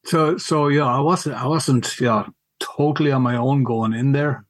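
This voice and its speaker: A middle-aged man, reminiscing casually in a halting, wry way and repeating words as he goes. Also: mid-range voice, dry recording. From County Mayo, Ireland. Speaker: podcast guest, school alumnus.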